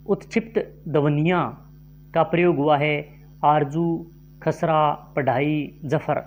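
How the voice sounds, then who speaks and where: A man teaching a grammar lesson for exam prep, reading out quiz questions and options, then explaining each answer slowly. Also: fairly high pitch, steady tone, a little hiss or hum.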